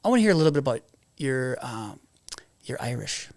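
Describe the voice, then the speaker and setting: A man hosting a podcast interview in a relaxed, joking way, with quick reactions. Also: mid-range voice, creaky, no room sound. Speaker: podcast host.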